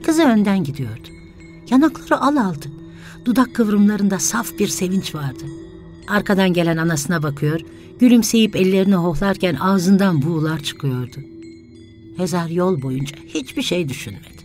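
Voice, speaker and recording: A woman narrating a literary story in a measured, dramatic reading. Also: on the low side, lively intonation. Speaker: audiobook narrator. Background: soft music.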